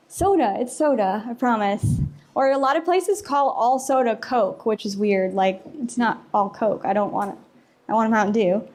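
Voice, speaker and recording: A young woman from the US Midwest and South giving a casual conference talk, chatty and full of fillers, acting out bits of dialogue. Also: fairly high pitch. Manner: chatty, filler-heavy, acts out quoted dialogue. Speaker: conference presenter. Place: conference room.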